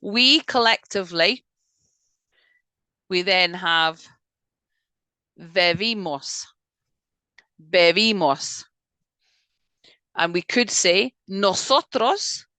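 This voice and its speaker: A woman teaching an online Spanish lesson over a video call. She drills words slowly and keeps checking that her students are following. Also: fairly low pitch, expressive, sharp tone, no room sound.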